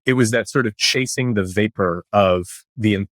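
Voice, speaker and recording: A man with a somewhat low-pitched voice talks like a tech-bro entrepreneur, casual and candid, leaning on venture jargon. He sounds like an interviewed founder telling stories from the business, in a very dry recording with no room sound. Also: moderate pace, a bit bright, dry recording.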